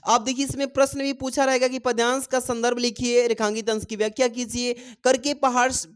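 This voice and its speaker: A man's voice: extremely high pitch, flat delivery, brisk, clear, resonant tone. A male teacher giving an exam-prep lesson, reading lines of verse aloud and encouraging his students, whom he calls "babu" and "dear children".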